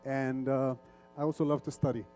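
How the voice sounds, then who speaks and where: A conference speaker and media executive, this middle-aged Arabic speaker from Lebanon, who grew up in Saudi Arabia, gives a casual, interactive stage presentation in both Arabic and English. His medium-pitched, dark voice stays fairly flat at a normal pace. The recording is dry, with soft music underneath.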